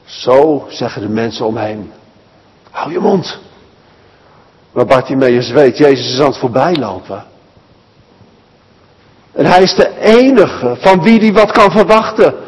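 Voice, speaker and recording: Man doing a kids sermon, swoops up and down a lot, kinda husky, long reverb like a big church. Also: on the high side. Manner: animated storytelling, addressing children directly. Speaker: preacher telling a Bible story to children. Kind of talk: children's sermon.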